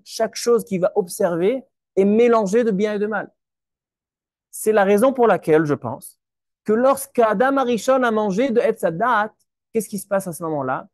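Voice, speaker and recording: High-voiced rabbi explaining Torah. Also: male voice, no room sound, studio quality. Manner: explains step by step, asks and answers his own questions; mixes Hebrew terms into French. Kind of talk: Torah lesson.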